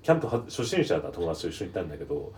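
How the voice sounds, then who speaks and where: A man's voice: low-pitched, very animated, racing, darkish tone, slight background noise. A man hosting a radio-style talk show, telling rambling anecdotes in casual chat. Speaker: podcast host.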